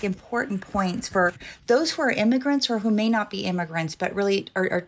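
A middle-aged woman from Iran, a former government official, speaking earnestly as a podcast guest. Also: fairly low pitch. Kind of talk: interview conversation.

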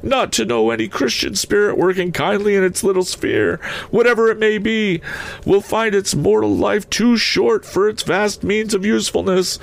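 In a storybook reading, a man gives voice to the anguished ghost of a dead businessman, sounding mournful and declamatory as he draws out solemn words. His voice is high, gravelly and pushed upward.

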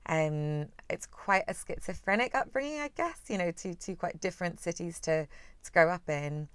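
A woman in her thirties with a soft, well-travelled Northern Irish accent, answering questions conversationally as an interviewed writer. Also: on the low side, normal speed, smooth, dry recording. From Belfast, Northern Ireland, partly raised in Singapore.

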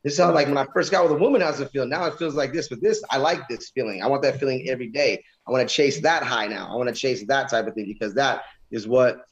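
A man's voice: mid-range voice, fast, few pauses. Emphatic man talking faith, muffled sound. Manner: earnest, emphatic, repetitive phrasing. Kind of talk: casual religious conversation.

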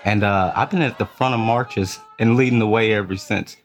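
A man with a Midwestern American accent tells his own story in a relaxed, animated interview voice. He slips into the voices of the people he quotes. His pitch is ordinary, and faint music plays under the interview. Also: moderate pace. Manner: casual, animated retelling with acted-out quotes. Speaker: labor organizer, former fast-food worker.

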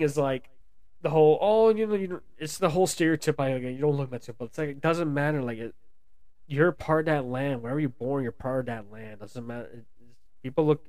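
A man's voice: medium pitch, darkish tone, no echo. An American man giving a casual, rambling film review, with lots of restarts and fillers. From United States. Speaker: movie reviewer.

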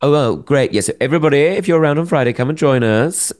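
A man co-hosting a podcast in a casual chat, talking softly and slowly with deliberately low energy. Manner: soft, slow, low-energy delivery. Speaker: podcast co-host.

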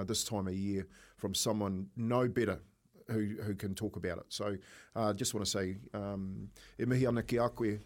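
A fairly low-pitched man with a broad Kiwi accent, talking as a radio co-host. His delivery is earnest and wordy, feeling its way through each thought in conversational commentary. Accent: broad New Zealand.

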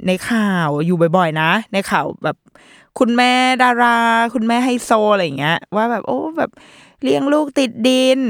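A woman's voice: medium pitch, no echo. Woman, podcast host, casual chat, playful, dry close sound. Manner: chatty and playful, with lots of fillers and mock quoted voices.

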